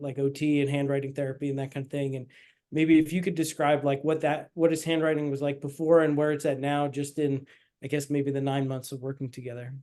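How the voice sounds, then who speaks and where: A man, a doctor hosting an interview, gently prompting his guest in a hesitant, filler-heavy way. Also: on the high side. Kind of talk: interview questions.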